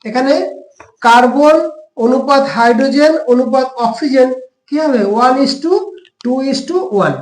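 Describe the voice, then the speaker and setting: High-voiced tutor with a West Bengal accent. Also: male voice, fairly even intonation, measured pace, roomy sound, a little hiss or hum, poor audio. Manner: explains step by step with frequent rhetorical questions. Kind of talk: classroom lesson explanation.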